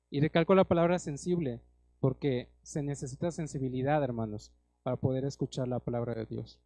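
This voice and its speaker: A man's voice: fairly high pitch, dry recording. Earnest Mexican man preaching a sermon. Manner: earnest, addresses the congregation as brothers, rises loud on scripture quotes.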